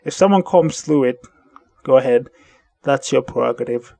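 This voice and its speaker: Rambling man with a gravelly voice. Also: medium pitch, moderate pace, mellow, no echo. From central United States. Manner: rambling, self-correcting, thinking aloud. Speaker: podcast host. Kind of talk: casual solo monologue. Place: at home in the evening.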